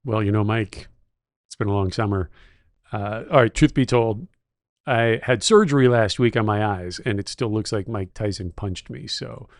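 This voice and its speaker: A man's voice: lowish voice, normal speed, no room sound, clean studio sound. A middle-aged man co-hosting a podcast, telling stories with eager enthusiasm in a casual chat. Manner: enthusiastic storyteller, techno-utopian. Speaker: podcast co-host.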